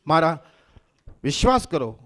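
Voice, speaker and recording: Lively stand-up man with a high voice, working a festival crowd from the stage. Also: measured pace. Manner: lively, teasing, engaging the crowd. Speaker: stage comedian and mimic. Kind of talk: stand-up comedy at a religious gathering.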